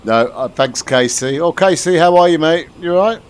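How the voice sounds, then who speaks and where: Flying a simulator on a live stream, this British man explains the cockpit and chats easily with his audience, responding to their messages. He speaks at normal speed in a fairly high, clear, resonant voice. He frequently starts his sentences over.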